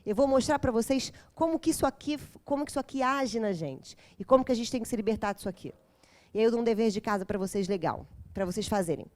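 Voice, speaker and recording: Intense woman teaching a parents' class, kinda high-pitched, keeps asking the audience to answer. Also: fast talker, a little mellow. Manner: intense, dramatic, quizzes the audience. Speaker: speaker at a parents' course. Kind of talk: lecture to a live group.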